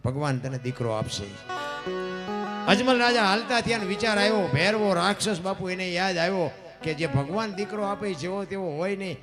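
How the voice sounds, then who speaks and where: A high-pitched man tells a devotional folk tale, dropping to a hush and then rising to loud, acted lines. He speaks into a stage microphone, with plucked-string music clearly audible behind him. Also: a little fast. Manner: dramatic, shifts between hushed and loud acted lines. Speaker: folk storyteller. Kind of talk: devotional dayro storytelling.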